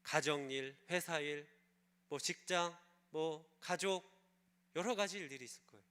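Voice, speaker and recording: Bright-voiced man preaching a sermon. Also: on the high side, unhurried, clear, resonant tone. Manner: storytelling, asks the congregation questions. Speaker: pastor. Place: church service.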